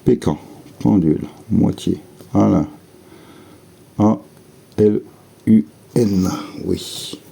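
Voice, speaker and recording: A man with a very dark, mellow, low voice talks slowly and quietly to himself, spelling out letters as he checks scratch tickets at home. A faint hiss sits under the recording. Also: vocal fry. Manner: slow, methodical, muttering letters and words to himself. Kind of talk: casual running commentary while scratching tickets.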